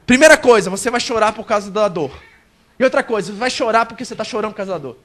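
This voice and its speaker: A male pastor preaching a sermon at a church service, animated and acting out a believer's complaints. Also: sits high, rapid-fire.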